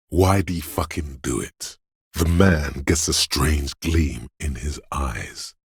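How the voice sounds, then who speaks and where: A man voicing a menacing, paranoid inner voice of primal fight-or-flight instinct in a video game, with dramatic, deliberate delivery and a husky, gravelly bass. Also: dry recording, clean studio sound, heavily acted. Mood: aggressive goading. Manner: menacing, deliberate, foul-mouthed goading. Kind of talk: dramatic second-person game narration.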